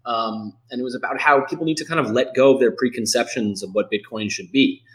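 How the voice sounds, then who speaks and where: A man of middle pitch hosting a relaxed podcast chat. He rambles and restarts, and fills his talk with "like" and "you know". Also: quick pace. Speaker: podcast host. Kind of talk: casual podcast conversation.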